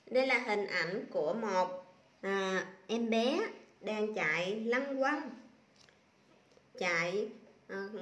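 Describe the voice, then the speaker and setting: A woman teacher leads young children through a reading lesson, drawing out each sound and syllable very slowly. Her voice is bright and sits a little high. The room around her is echoey. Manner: slow, drawn-out spelling aloud of sounds and syllables. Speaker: primary school teacher.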